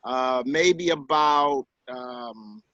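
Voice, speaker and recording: A man in his forties, a guest author in a casual conversation, telling stories and acting out quotes in higher voices. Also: very slow, no room sound, highs cut off. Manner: animated storyteller who acts out quotes in higher voices. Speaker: author and guest on a talk show.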